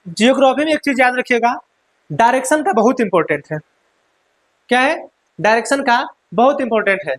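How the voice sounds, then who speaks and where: A man's voice: very high voice, fairly bright tone. A man teaching a lesson, repeating each point and quizzing listeners, with an Eastern Hindi accent. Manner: repetitive, quizzes listeners with "क्या कहेंगे?" and "ठीक है". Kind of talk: classroom lesson.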